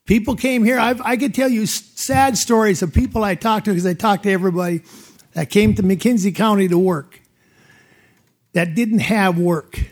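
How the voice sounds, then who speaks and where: A middle-aged man from North Dakota, a landowner, gives emotional, plain-spoken testimony at a public hearing. His voice is high and his speed normal.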